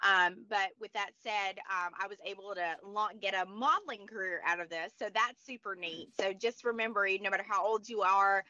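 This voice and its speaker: A woman's voice: mid-range voice, normal speed, hardly any pauses, pushed and bright. A woman in her forties who is losing her voice, chatting as an interview guest with many fillers and restarts. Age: 40s. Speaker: guest, motivational speaker. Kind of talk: casual interview chat. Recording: dull lo-fi sound.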